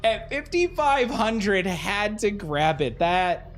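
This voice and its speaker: A woman's voice: mid-range voice, very animated, slow pace, faint music behind. A woman hosting a pinball live stream, chatting casually, laughing often and reading viewer comments aloud.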